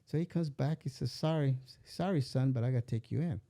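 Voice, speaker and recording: A father being casually interviewed, an older man, talks fast in a warm, mid-range voice as he rambles through a long story from his life, performing the voices of the people he quotes.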